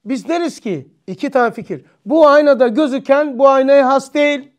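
A man's voice: very high voice, normal speed. A Turkish-accented man teaching an informal religious study class, thinking aloud and asking himself questions.

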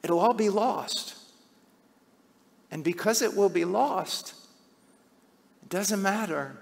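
A middle-aged man preaching a sermon, swinging from hushed, slow passages to loud, shouted cries. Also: high-pitched, vocal fry. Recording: long hall reverb.

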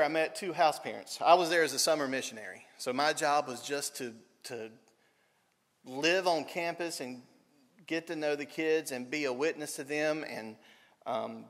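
A man's voice: fairly high pitch, a bit bright. A middle-aged man with a Southern accent, preaching an earnest sermon full of stories and repeated phrases for emphasis. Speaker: pastor. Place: church sanctuary. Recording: long church hall reverb.

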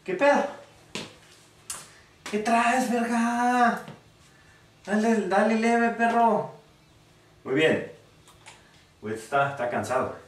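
A man from Mexico with a northern Mexican accent, trash-talking loudly in slang while playing a VR boxing game. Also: high-pitched, lively intonation, takes it slowly, pauses often. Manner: rowdy slang-heavy trash talk, shouting at the game. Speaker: gaming youtuber. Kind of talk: excited let's-play commentary. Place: room at home, playing a VR game. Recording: echoey room, distant from the mic, faint noise.

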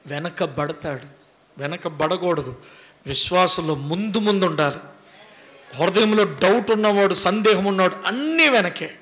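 A man's voice: high-pitched, animated, a little slow, a bit bright. A man preaching a sermon as pastor, emphatic and repetitive in his delivery.

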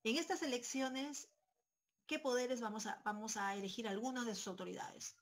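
A woman's voice: fairly high pitch, normal speed. Peruvian woman teaching an online class. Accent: Peruvian Spanish. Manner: talks to students with many tag questions and fillers. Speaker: pre-university civics teacher. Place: home, teaching a virtual class. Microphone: headset.

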